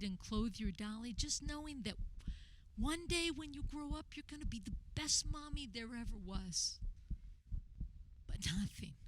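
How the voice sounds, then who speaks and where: A woman's voice: a little high, low-quality recording. An actress playing a wondering, troubled mother looking back on her youth in a radio theater monologue, reflective and hesitant. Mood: wistful. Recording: faint background noise.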